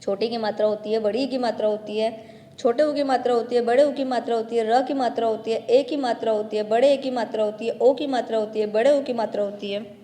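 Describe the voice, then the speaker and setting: Woman teacher, kinda high voice, sounds out each syllable slow for little kids, long echo. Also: fairly even intonation, mellow. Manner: spells out syllables slowly, stretching long vowels; addresses children directly, patient explaining tone. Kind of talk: grade-one grammar lesson.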